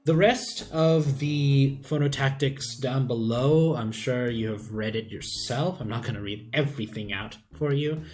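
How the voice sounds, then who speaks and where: A man explaining the sound system of his invented language in a casual, thinking-aloud way, pausing often with "uh". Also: mid-range voice, darkish tone. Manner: unhurried, thinking aloud with many "uh" pauses. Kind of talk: casual screen-share explainer. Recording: faint background music.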